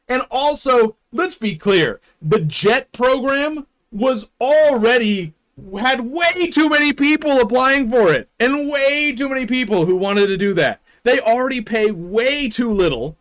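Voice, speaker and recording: A young man with a slightly higher, somewhat bright voice chats loosely with live viewers on his stream. His talk is casual and unscripted, rambling with restarted sentences and small chuckles.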